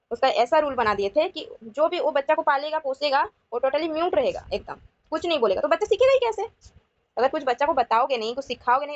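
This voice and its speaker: Woman teacher mixing hindi and english, asks viewers stuff, kinda high voice, dull lo-fi sound. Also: dry recording. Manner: reads questions slowly, then explains in quick Hindi-English mix. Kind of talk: exam-prep lecture solving past questions.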